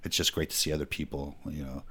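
A man's voice: rumbling low, little pitch movement, fast, pushed and bright, husky. A middle-aged man, a podcast co-host, telling crude prank stories in casual chat. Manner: crude storytelling, joking.

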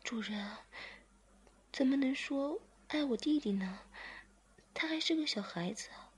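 A woman's voice: high voice, expressive, measured pace, voice pushed up, heavily acted. Woman whispering as a pleading young lover. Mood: soft tender.

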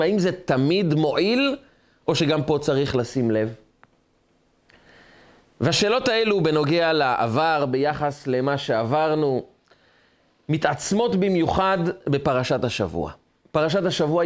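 A rabbi delivers a sermon on the weekly Torah portion in a high male voice. He tells the story dramatically, stacking short phrases into rhythmic lists. His pitch swings widely as he builds each point.

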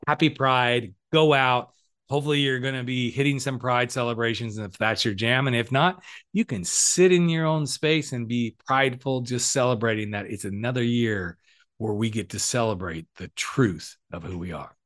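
A man's voice: mid-range voice, moderate pace, fairly bright tone. A middle-aged man hosting a solo podcast, telling a coaching story and acting out both sides of the conversation in a casual, frank way with the odd swear word.

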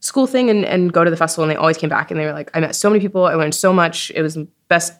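In a festival recording studio, a podcast creator in her twenties tells stories during an interview in a slightly low voice. She's rapid-fire and informal, quoting herself with animation and dropping "like" all the time.

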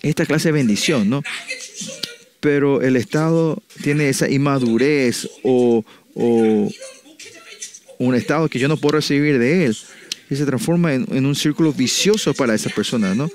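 A man's voice: mid-range voice, a little mellow. Man preaching, full of restarts. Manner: ends phrases with a questioning "no?" tag, halting restarts. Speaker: pastor. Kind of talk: sermon.

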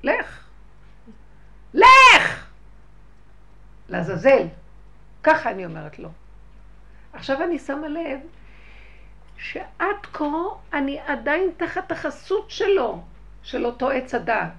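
A woman giving a religious talk to a group, telling personal stories and speaking straight to her listeners, moving from quiet, hushed stretches to loud outbursts. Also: high-pitched, big pitch swings, creaky, long pauses. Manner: addresses listeners directly. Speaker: spiritual teacher.

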